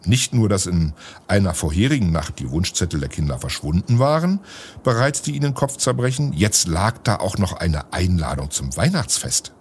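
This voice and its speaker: A man reading a storybook aloud in an expressive way. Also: low-pitched, normal speed, a little hiss or hum. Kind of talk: storybook narration.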